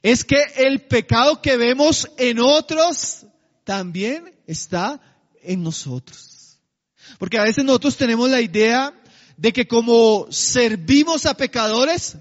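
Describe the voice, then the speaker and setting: A man delivers a sermon in a strikingly high voice, stretching out his key phrases for weight. He keeps turning to the congregation with questions. The sound is dull and muffled, with a long echo trailing off in a large hall. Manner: slows to a drawn-out, emphatic cadence on key phrases; addresses the congregation with rhetorical questions. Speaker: preacher.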